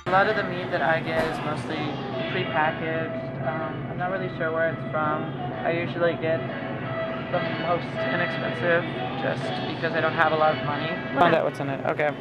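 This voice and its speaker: A man's voice: on the high side, little pitch movement, normal speed, highs cut off, loud music behind the voice. A man in his twenties chatting casually while shopping in a grocery store, thinking aloud with ums as he reads labels, recorded on a handheld camera. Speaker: vlogger. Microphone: handheld camera mic.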